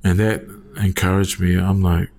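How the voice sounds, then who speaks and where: A man in his forties, the guest, offers a casual conversational testimony about his church, rambling and often asking "you know what I mean?" His voice sits low and is creaky and a little mellow, with flat delivery at a moderate pace.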